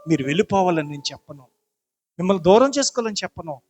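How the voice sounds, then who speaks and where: A man's voice: high voice, expressive, fast talker, darkish tone, low-quality recording. A middle-aged man, a pastor, preaching a sermon in church with impassioned prayers and rising, repeated pleas.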